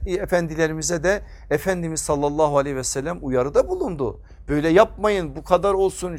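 High-voiced man preaching at a pulpit microphone. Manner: emphatic, answers his own rhetorical questions. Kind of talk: sermon.

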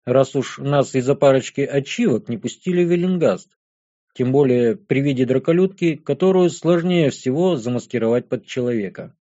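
A man narrates a fantasy audiobook in the first person, in a steady, measured telling. His voice is mid-pitched and dark-toned. The sound is dull and slightly lo-fi.

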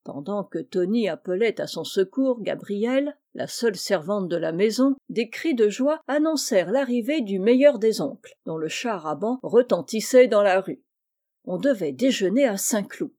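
Female audiobook narrator, mellow tone, expressive storytelling. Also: medium pitch, normal speed. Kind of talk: audiobook reading of a classic children's story.

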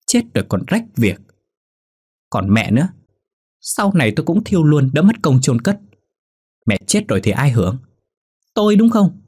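A man voicing a greedy, heartless grown son who shouts with contempt. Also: medium pitch, slightly rough, pitched above the performer's own voice.

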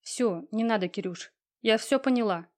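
A woman voicing a timid, hurt young woman in an audiobook, speaking softly and pleadingly. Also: a little high, moderate pace, natural voice. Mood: cold. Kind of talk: audiobook reading.

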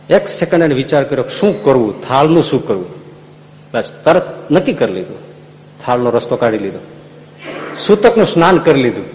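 A man's voice: medium pitch, darkish tone, big-room sound, a little hiss or hum, low-quality recording. A man telling a devotional story as a sermon, acting out the dialogue and singing snatches of song. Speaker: preacher.

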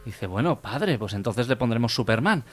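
A man co-hosting a radio comedy show, telling jokes in a steady narrating way. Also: mid-range voice, normal speed, over music. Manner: steady narrated joke delivery.

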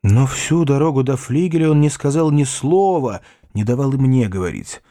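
A man reading a classic novel aloud as scripted narration, lively and expressive. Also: medium pitch, normal speed, no echo, studio quality. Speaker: audiobook reader.

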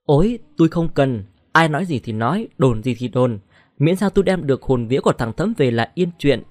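A man's voice: mid-range voice, lively intonation, fairly quick, darkish tone, dry recording, natural voice. A man voicing an older village mother who pleads through grief. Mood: dismissive. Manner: choked, pleading.

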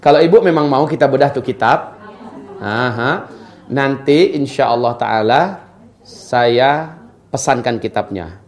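A man's voice: medium pitch, measured pace. A middle-aged man giving an informal religious lecture. He answers questions from the audience and often speaks directly to the women listening. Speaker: Islamic preacher.

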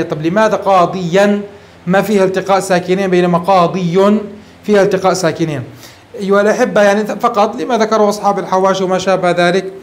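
Male grammar teacher, Levantine accent, high voice, patient classroom explainer. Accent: Levantine Arabic. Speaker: sheikh teaching Arabic grammar.

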